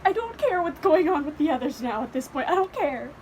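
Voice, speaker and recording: A young book vlogger, high-voiced and brisk, gets emotional over a book, swearing, stumbling and close to crying in her excitement. There's a little hiss or hum on the rough recording.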